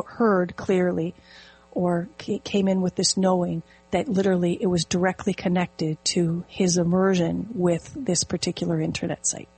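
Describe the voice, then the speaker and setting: A middle-aged woman telling a personal story in casual conversation, animated and vivid. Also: fairly low pitch, slightly rough, low-quality recording. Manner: animated, storytelling with quoted inner speech. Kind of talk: casual chat.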